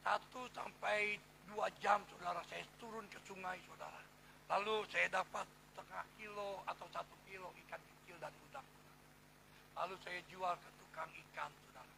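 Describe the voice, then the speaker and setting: A middle-aged male pastor preaches in a church, his slightly high voice thick with gravel. He drops into near-whispers, then surges to loud emphatic calls, repeating his address to the congregation. A steady hum sits clearly under the recording. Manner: testimony-style preaching, repeats "saudara", swings between hushed and loud. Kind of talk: sermon.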